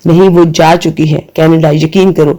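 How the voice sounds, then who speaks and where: A man's voice: a little high, fairly even intonation, warm tone, natural voice. A man voicing a tired middle-aged father who pleads firmly. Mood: weary.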